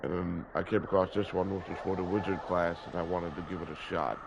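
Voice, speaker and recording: Speaking a little fast in a low-pitched voice with little pitch movement and vocal fry, a man in his early thirties offers casual gameplay commentary in a gaming video. He's stuffy and sore-throated from a cold and rambles with lots of fillers and self-corrections. The lo-fi audio is dull and noisy.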